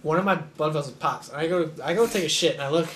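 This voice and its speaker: A man's voice: fairly high pitch, quick pace, heavy background noise. Laughing young man rambling through a story. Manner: rambling, laughing storyteller who swears freely. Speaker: podcast co-host. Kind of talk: casual chat, storytelling.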